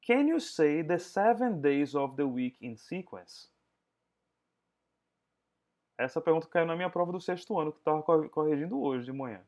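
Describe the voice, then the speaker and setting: Man, English teacher, video call class, mixes languages, slow pronunciation drills. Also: fairly high pitch, lively intonation, a little mellow.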